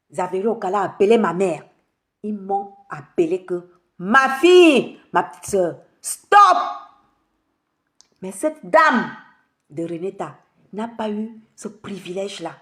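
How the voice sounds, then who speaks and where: A woman's voice: a little high, reverberant. A woman hosting a live stream, making an impassioned, emphatic address to her followers and piling up accusations in repeated lists.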